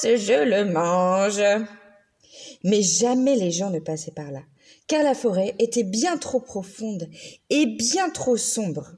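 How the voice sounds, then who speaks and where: Slow, lively woman reading a storybook. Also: fairly high pitch, husky. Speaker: children's story reader. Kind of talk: reading a picture book aloud.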